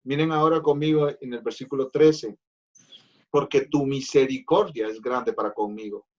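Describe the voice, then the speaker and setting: A man's voice: medium pitch, normal speed, darkish tone, highs cut off. A man preaching a Bible study as pastor, earnest and repeating phrases for emphasis, addressing listeners as his brothers.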